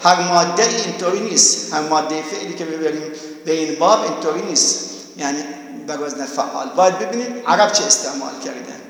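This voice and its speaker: High-voiced male teacher in echoey room. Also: fairly bright tone. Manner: patient, repeats terms and quizzes students. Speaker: teacher of Arabic grammar. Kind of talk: online class lesson. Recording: very echoey room with long reverb.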